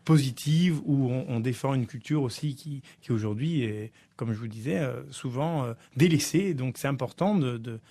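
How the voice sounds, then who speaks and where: A man's voice: mid-range voice, moderate pace, hardly any pauses, dark tone. Male singer guest, playful and jokey, live radio chat.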